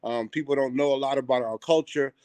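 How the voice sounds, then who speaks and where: Over a remote call from a theater seat, a middle-aged man born in Puerto Rico and raised in New York chats earnestly in a casual interview as a theater owner and chef, his New York accent clear and his speech full of ums and restarts. His medium-pitched voice is brisk, fairly even and a bit mellow, with a clean tone and no room sound.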